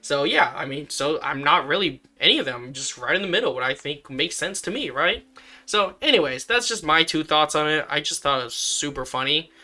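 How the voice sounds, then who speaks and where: A man talking in a casual commentary vlog, rambling with many fillers and sudden jumps up in pitch. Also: lively intonation, a little fast, sharp tone. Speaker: vlogger.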